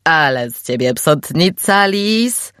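A woman's voice: low-pitched, expressive, takes it slowly, fairly bright tone, no room sound, clean studio sound, full character voice. A woman voicing a jovial, showy male editor of about fifty in an audiobook, playful and exclamatory. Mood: delighted. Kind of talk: audiobook reading.

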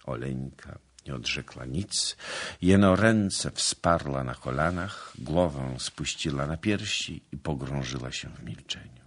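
A man narrating a classic novel as an audiobook in a measured, expressive reading. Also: a bass voice.

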